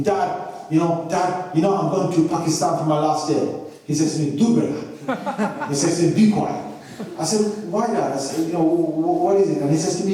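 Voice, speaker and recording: Male lecturer, storytelling, mellow tone, distant mic, echoey hall. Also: sits high. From Britain. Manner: storytelling, acts out dialogue, self-deprecating asides. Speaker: Islamic lecturer. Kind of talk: anecdotal religious lecture.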